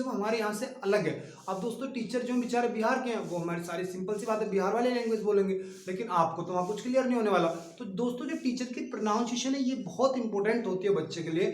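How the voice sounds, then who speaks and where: A man's voice: sits high, roomy sound. A man teaching an online exam-prep lesson. He explains things patiently and keeps stopping to speak straight to his listeners. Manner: explains patiently, often stops to address the listeners directly. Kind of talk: online classroom lecture.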